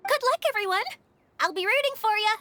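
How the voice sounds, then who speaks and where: A woman's voice: very high-pitched, bright, forceful tone, no echo. A woman voicing a girlish, self-deprecating mascot creature in a video game, theatrical and easily flustered. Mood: cheery. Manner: theatrical, quick to protest.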